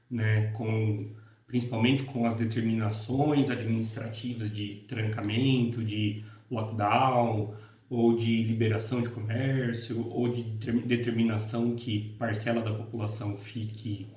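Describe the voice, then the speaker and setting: A law professor and course coordinator from the interior of Paraná, Brazil, gives an informal recorded lecture in northern Paraná interior Brazilian Portuguese. His mid-range voice has a darkish tone, and he's hesitant, with many fillers like "uh" and self-corrections and restarts. The room is echoey and the mic sits at a distance.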